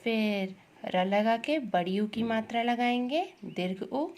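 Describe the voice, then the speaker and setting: A woman teaching Hindi grammar to young children, slowly repeating words and asking questions to the class. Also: on the high side, a little mellow. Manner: slow, repeats words and asks questions to the pupils.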